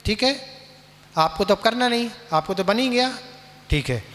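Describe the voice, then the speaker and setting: A man's voice: high-pitched, animated, fairly bright tone. A man teaching Sanskrit pronunciation and chanting verses line by line, patiently asking questions and answering them himself. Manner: patient, asks and answers his own questions; slow drawn-out chanting with repeats. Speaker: Jain monk teaching scripture recitation. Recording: long hall reverb.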